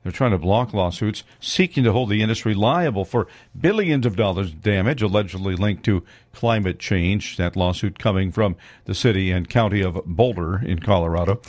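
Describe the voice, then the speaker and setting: A man reading scripted radio news as anchor in a measured, steady way. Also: low voice, no room sound. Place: studio.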